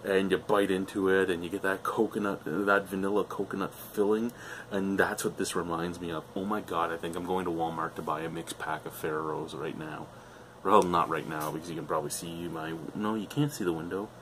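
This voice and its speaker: A man's voice: sits low, steady tone, fairly quick, fairly bright tone, slight background noise. A middle-aged man reviewing a beer on camera at home, rambling and enthusiastic, swearing freely. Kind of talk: casual beer review vlog. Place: living room at home, indoors.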